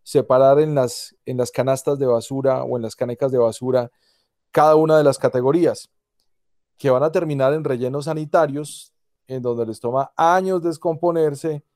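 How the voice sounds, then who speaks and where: A man's voice: medium pitch, dark tone, no room sound, studio quality. A man presents and asks questions conversationally as an interview host.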